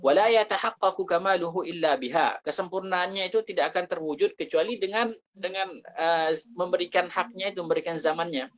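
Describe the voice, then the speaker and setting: Man teaching Quran pronunciation. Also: high voice. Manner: explains slowly, demonstrating Arabic sounds then translating into Indonesian. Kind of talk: teaching Arabic letter pronunciation.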